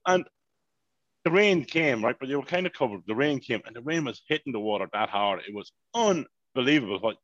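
A man, telling a long, animated story in casual podcast chat and swearing freely. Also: mid-range voice, fairly quick, few pauses, no echo, highs cut off. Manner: animated, swears freely, repeats "mayhem" and "unbelievable". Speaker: podcast co-host.

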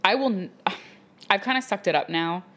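A young woman co-hosting a podcast, telling a story in casual chat, animated and laughing often. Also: medium pitch, moderate pace. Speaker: podcast co-host. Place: Dallas.

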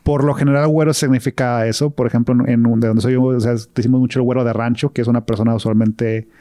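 A man, a guest on a film chat, explaining things thoughtfully with many halting restarts. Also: mid-range voice, fairly even intonation, dark tone, no echo, clean studio sound. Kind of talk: casual film discussion.

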